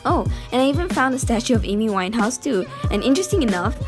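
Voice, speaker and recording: A woman's voice: on the high side, sing-song, quick pace. A young woman, giving a chatty, playful voice-over narration for her travel vlog. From Malaysia. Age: 20s. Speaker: vlogger. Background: music.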